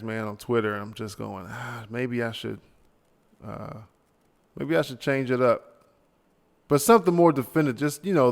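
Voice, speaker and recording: Gravelly man ranting on a podcast. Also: mid-range voice, in a large hall. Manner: ranting, loose and rambling with slang. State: tired, yawning late at night. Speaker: podcast host. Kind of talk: solo casual monologue.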